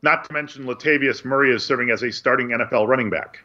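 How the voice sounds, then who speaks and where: With a medium-pitched, sharp-toned voice and a quick pace, a male podcast co-host reads sports news and chats casually in a dry, wry manner. The audio is dull and lo-fi.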